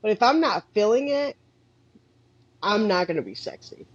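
Brief: woman co-host, husky, stuffed-up, slow talker, dull dry lo-fi recording. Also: mid-range voice, no echo. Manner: animated, expressive, drawn-out affirmations. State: stuffy with allergies. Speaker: podcast co-host, eyewear professional. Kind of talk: casual chat.

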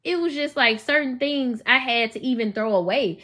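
A woman's voice: high-pitched, normal speed, fairly bright tone. A woman, talking earnestly and casually about faith and healing as a podcast host, often restarting her sentences. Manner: earnest, addresses listeners as "y'all", many restarts. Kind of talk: faith-based personal talk.

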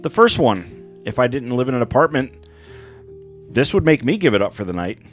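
A man with an average-pitched voice banters as a podcast co-host. He is irreverent and very animated, swinging up and down in pitch, with music faintly behind him. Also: normal speed. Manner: irreverent, sweary. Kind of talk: casual banter.

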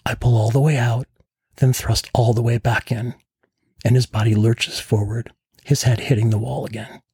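A man reading a first-person story in a calm, low-key narration as a podcast host. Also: normal speed, vocal fry, husky, no echo, clean studio sound.

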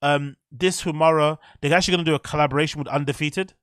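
A man's voice: fairly high pitch, steady tone, fast talker, no room sound, studio quality. A man giving casual, unscripted, opinionated sneaker commentary with slang and swearing. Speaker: sneaker reviewer.

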